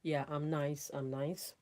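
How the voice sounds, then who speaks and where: This is a deep, dark-toned female voice belonging to a Nigerian streamer. In her casual broadcast she effusively greets listeners, thanking them again and again and shouting out names.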